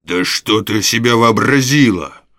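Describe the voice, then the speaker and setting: A man voicing a brutal burglar, gruff and threatening, close dry sound, storybook reading. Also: fairly low pitch, measured pace, pushed and bright, dry recording. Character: brutal, growling male burglar.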